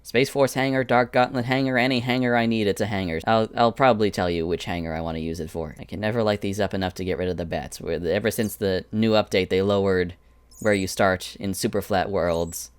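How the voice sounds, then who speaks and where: A man with a lowish, smooth, resonant voice gives a relaxed screen-recorded tour of his builds. The recording is dry and close, with no room around him. He talks in a chatty way and wanders off into little asides. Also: a little fast, no echo. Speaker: animator showing his Minecraft prop world. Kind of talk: casual screen-recorded walkthrough.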